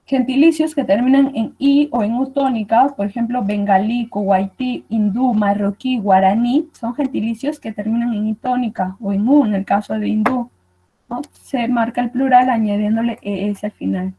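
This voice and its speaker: A woman's voice: on the high side, moderate pace, dark tone, slightly rough, poor audio. A woman teacher gives a recorded online lesson, explaining patiently and checking in with her students as she goes. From Peru.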